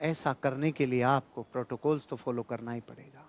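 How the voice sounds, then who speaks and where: Emphatic and admonishing, a motivational speaker preaches to an audience and repeats phrases for effect. He talks at normal speed in a medium-pitched voice with fairly even intonation.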